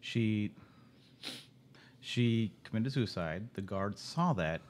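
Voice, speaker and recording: A man narrating as game master in casual tabletop chat, relaxed and laughing easily. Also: deep voice, a little slow, a little hiss or hum.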